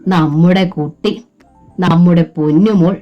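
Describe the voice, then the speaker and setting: A woman voicing a gentle young pregnant wife who pleads with her husband. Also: on the low side, fairly even intonation, slow, lo-fi sound, faint music behind. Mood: pleading.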